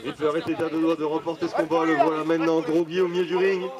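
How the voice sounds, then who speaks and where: A man doing live play-by-play as a wrestling commentator, excitable and exclamatory. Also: on the high side, fast, a crowd in the background.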